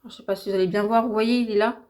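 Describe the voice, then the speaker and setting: A slightly hoarse woman with a French accent chatting casually and enthusiastically through a makeup tutorial at home, with lots of fillers. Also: mid-range voice, steady tone, rapid-fire, darkish tone. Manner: chatty, enthusiastic, repeats herself with many fillers. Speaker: beauty vlogger. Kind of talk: casual get-ready-with-me makeup chat.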